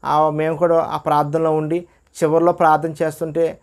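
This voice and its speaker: A man's voice: a little high, flat delivery, brisk. Earnest man giving a testimony. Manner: earnest storytelling, acts out quoted dialogue. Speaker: testimony speaker. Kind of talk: personal religious testimony.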